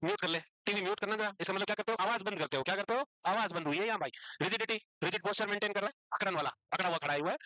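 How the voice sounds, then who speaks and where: A man teaching psychiatry to a class, brisk and scolding, calling his students "beta" and mixing English medical terms into his Hindi. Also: high voice, bright, forceful tone, dry recording. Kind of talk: classroom lecture.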